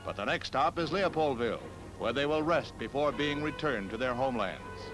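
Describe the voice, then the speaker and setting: A man's voice: medium pitch, expressive, moderate pace, poor audio. A man giving grave, dramatic announcer narration for an old 1960s archival newsreel. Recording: narration over loud newsreel music.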